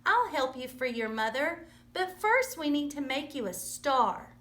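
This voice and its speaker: A woman's voice: sits high, sing-song, measured pace, a bit bright, exaggerated voice. A woman voicing a kind, encouraging little male mouse from a storybook, eager and emphatic. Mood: reassuring.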